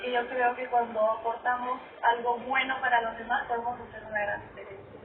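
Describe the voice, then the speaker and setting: A young woman speaks softly and earnestly as a pageant contestant. She sounds far from the mic in an echoey room. The audio is tinny, with music playing behind. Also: on the high side, flat delivery, quick pace. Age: young adult. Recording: tinny distant TV broadcast with music.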